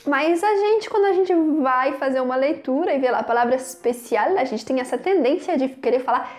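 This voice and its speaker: A woman's voice: sits high, a little fast. A young Brazilian woman with a Brazilian Portuguese accent, chatting casually as she teaches French pronunciation. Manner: chatty, explains with lively examples. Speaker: French teacher, channel host. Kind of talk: casual video lesson.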